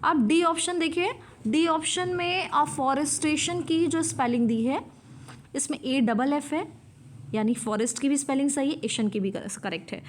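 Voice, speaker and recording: A woman teacher walks through a spelling quiz, calling out each letter slowly and clearly. Her voice sits a touch high, and she repeats key words to check understanding. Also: slight background noise. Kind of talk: spelling lesson, mixing English terms into Hindi.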